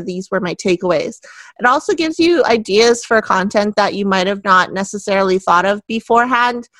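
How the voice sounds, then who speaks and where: A woman's voice: mid-range voice, fairly bright tone, dry recording. Woman podcast co-host, chatty, laughs a lot, dry close sound. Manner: giggly, chatty, quick asides. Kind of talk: casual podcast chat.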